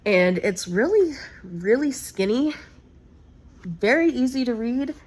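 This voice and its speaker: A woman's voice: on the high side, animated, takes it slowly, darkish tone, slightly rough. A tired woman with a Texan accent, rambling casually through a book vlog and laughing often. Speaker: vlogger reviewing a book. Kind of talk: casual talking-head chat.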